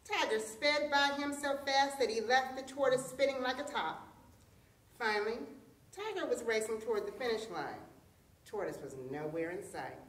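Brief: woman storyteller, dramatic and high-ish voice, recorded far off in a roomy space. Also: normal speed. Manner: expressive, dramatic. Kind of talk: folktale storytelling. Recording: echoey room, distant mic.

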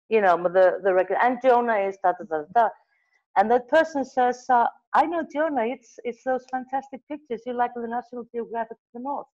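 With the highs cut off, a slightly high female voice comes through an earbud headset mic on a video call. The speaker, a middle-aged Icelandic magazine editor in a room with a wall of photos, tells stories animatedly, gesturing and frequently restarting or correcting herself.

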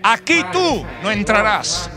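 Man doing a bragging wall herald, raised and loud, music under it. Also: sits high, sing-song, slow, pitched above the performer's own voice, heavily acted. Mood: mocking. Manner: mocking, boastful. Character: taunting male enemy herald atop a wall.

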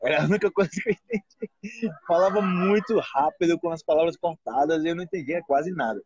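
Husky Brazilian man chatting live. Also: fairly high pitch, fairly quick, no room sound, muffled recording. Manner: animated, acts out quoted voices. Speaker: Portuguese teacher hosting a live stream. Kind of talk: casual live chat. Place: restaurant.

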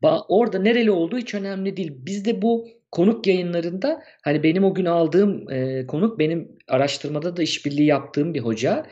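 A man's voice: sits high, a little fast, hardly any pauses, mellow, muffled recording. A man co-hosting a casual podcast, chatting loosely and reading out viewer messages. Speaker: co-host.

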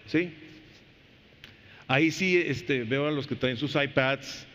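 A man preaching a sermon as pastor in a church. He questions the congregation directly and swings between soft low phrases and loud, high emphasis. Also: slow, a little hiss or hum. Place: church sanctuary. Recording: reverberant church hall, dull lo-fi sound.

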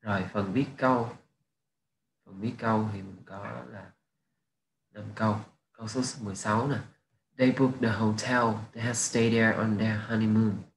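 Guy going over exam answers, lowish voice, roomy echo. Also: steady tone, a little slow. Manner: explains each answer methodically, mixing in English phrases. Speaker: English teacher. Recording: echoey room with faint noise.

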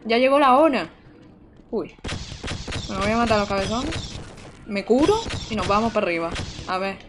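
A woman's voice: medium pitch, lively intonation, normal speed, background noise. A young woman, chatting to her viewers while playing a game live. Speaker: streamer. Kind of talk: live gameplay commentary.

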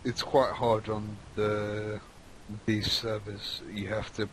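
A man's voice: little pitch movement, slow, poor audio. A man chatting in a flight sim squad over voice chat, calling out warnings and joking with teammates. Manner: calls out warnings, joking banter. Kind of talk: casual game voice chat. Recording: voice chat over loud engine noise. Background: loud engine rumble.

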